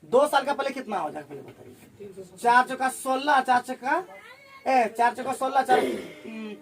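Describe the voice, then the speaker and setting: A man teaching a maths class, firing questions at his students and working sums out loud. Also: very high voice. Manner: drills students with rapid questions while calculating aloud. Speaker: maths tutor.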